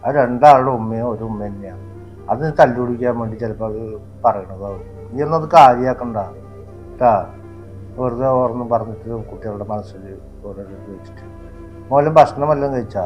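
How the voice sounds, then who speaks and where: A man playing a gentle father soothing his young son in an amateur family short film. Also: mid-range voice, moderate pace, dull audio, soft background music, close to an everyday voice. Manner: soothing, reassuring.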